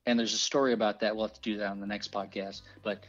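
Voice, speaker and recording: A middle-aged man, a podcast guest, telling fishing stories in an animated way with exclaimed quoted voices. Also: on the low side, fast talker, soft background music. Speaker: podcast guest, fly fisher. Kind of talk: animated storytelling. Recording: dull lo-fi sound.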